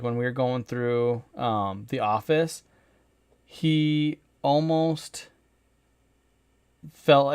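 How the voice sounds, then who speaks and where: Excitable young man streaming a game. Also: mid-range voice, no echo. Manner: excitable, swears freely, thinks aloud. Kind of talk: casual gameplay commentary.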